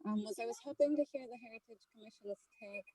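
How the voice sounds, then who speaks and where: A woman's voice: on the high side, fast talker, warm tone, breathy edge, no room sound, poor audio. A woman calling in from home to ask polite, hesitant questions in a webinar, her line breaking up and dropping out. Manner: polite, hesitant, with many fillers. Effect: call audio breaking up and cutting out. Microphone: remote call line.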